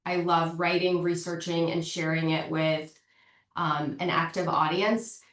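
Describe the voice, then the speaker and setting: Stuffy-nosed woman prof lecturing on a video call, lowish voice, echoey and kinda far off. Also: fairly bright tone. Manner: informal and chatty. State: nasal from a cold. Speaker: marketing professor. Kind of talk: online lecture. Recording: echoey, distant from the mic.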